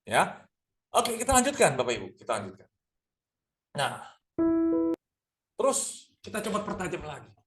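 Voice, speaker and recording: A middle-aged man teaching a lively online sales class, energetic and full of rhetorical questions aimed at his audience. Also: high voice, normal speed, pauses often, over music. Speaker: sales trainer.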